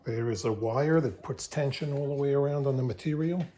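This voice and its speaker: A relaxed, chatty man walks through a hands-on car job in a garage, talking as he works. His voice sits at an ordinary middle pitch. Faint music plays behind him. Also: brisk. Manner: relaxed and chatty, explaining while working. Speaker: host of a car restoration channel. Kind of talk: casual hands-on how-to narration. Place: garage, working inside a car.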